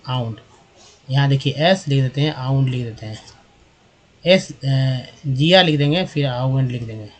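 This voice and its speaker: A man's voice: medium pitch, breathy edge. A man teaching English reading from slides, patiently repeating and drilling each sound for viewers he calls friends. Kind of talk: slide-based lesson.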